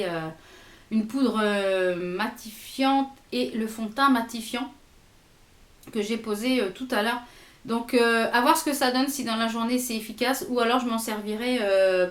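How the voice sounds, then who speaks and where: Her voice is a little high and a bit bright, with a roomy sound, as the beauty vlogger talks through her makeup haul. Chatty but hesitant and full of fillers, she tries out products by swatching them on her arm.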